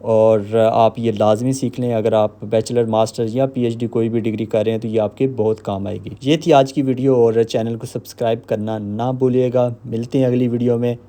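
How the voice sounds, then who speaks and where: A man giving a screen-recorded software walkthrough, explaining step by step with filler pauses. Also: mid-range voice, steady tone. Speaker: software tutorial host.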